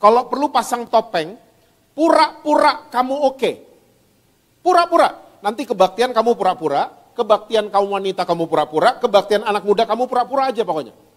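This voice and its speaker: A man's voice: high-pitched, fairly quick, close to an everyday voice. A male preacher voicing a sly male devil who coaxes people to hide and pretend, in a reverberant hall. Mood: coaxing.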